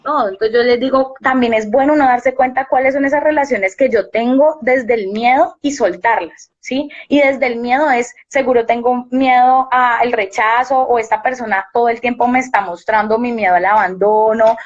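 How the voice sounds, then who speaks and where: A woman's voice: on the high side, a little fast, few pauses. Woman, young, reflective storytelling, dull live-stream audio. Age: young adult. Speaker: university teacher and guest. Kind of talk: casual live-stream chat.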